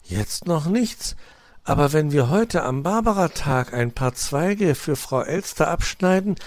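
A man's voice: a little high, expressive, unhurried, dry recording, pitched above the performer's own voice. A man voicing a cheerful, clever young male fox nephew in an audio story. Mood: eager. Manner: eager, bright.

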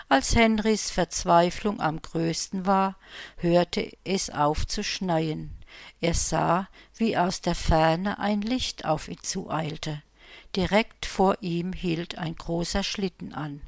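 A woman reading her own Christmas story aloud, calm and unhurried. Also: lowish voice, gravelly, no echo.

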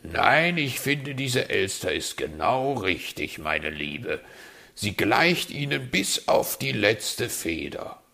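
A man voicing a sly, smooth-talking male fox in a read-aloud story, flattering and evasive, with a gravelly voice. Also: on the low side, slow pace, full character voice.

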